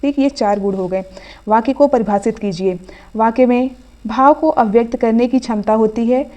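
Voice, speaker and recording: Woman teacher quizzing through a hindi revision class, highish voice, soft mellow tone. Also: normal speed, lo-fi sound. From India. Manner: quizzing, asks then answers each question. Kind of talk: exam revision lesson.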